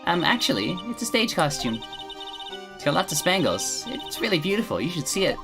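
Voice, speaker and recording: A woman's voice: fairly low pitch, sing-song, a little fast, voice pushed up. A woman voicing an innocent, childlike, cheerful young female animal tamer in a playful, girlish way for a video game playthrough. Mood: pouty, eager. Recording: background music behind the voice.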